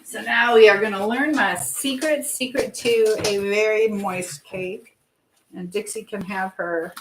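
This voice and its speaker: A woman livestreams from her home kitchen, chatting casually as she cooks and drifting distractedly between chores and comments. Her medium-pitched voice has fairly even intonation and an unhurried pace. Because she uses a phone that moves around, her level varies, and the room is echoey with faint noise behind her.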